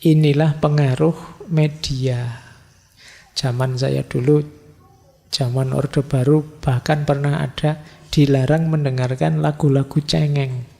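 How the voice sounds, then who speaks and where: Gravelly lecturer in a hall. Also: male voice, fairly high pitch, fairly even intonation, slow pace, warm tone. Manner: conversational, teasing examples, rhetorical questions. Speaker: philosophy lecturer. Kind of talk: casual Javanese-tinged lecture. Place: large mosque hall. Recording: long reverb of a large hall.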